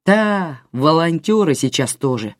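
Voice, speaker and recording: An audiobook reader voicing a grumpy, bitter elderly stepfather who grumbles gruffly, with lively pitch. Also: measured pace, dry recording, clean studio sound, close to an everyday voice. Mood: grumbling. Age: older.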